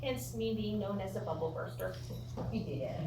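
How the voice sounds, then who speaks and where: A woman's voice: medium pitch, lively intonation, a little slow, warm tone. An American woman working as a ghost tour guide, telling stories to a group in a folksy, joking, chatty way. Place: indoor room of an old theatre. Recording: roomy echo, distant mic, clear background noise.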